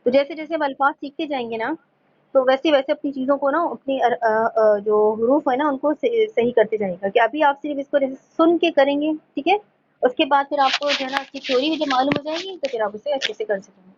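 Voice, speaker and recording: A woman teaching a tajweed class, explaining in Urdu, reading English points slowly and checking in often with her students. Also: high-pitched, darkish tone, highs cut off, a little hiss or hum. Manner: checks in often with "theek hai". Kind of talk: online class lesson.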